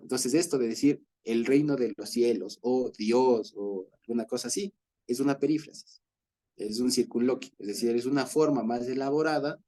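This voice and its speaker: Leading a Bible study, an Ecuadorian-accented man uses everyday examples to explain points and laughs frequently. His voice is warm and medium in pitch.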